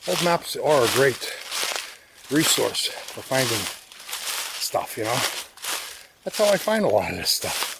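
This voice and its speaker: A man of medium pitch films himself climbing through the woods and muses aloud about what he is looking at. The recording is outdoors on a handheld camera, with loud noise and rustling behind his voice. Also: big pitch swings, a little slow, long pauses. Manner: thinking aloud, musing and guessing. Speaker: explorer filming old mine sites. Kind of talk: vlog narration while hiking.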